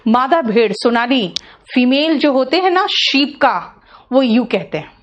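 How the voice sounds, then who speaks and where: A woman's voice: sits high, big pitch swings, measured pace, highs cut off. A woman with an Indian accent teaching English pronunciation in an online class, patiently repeating sounds and checking that students follow.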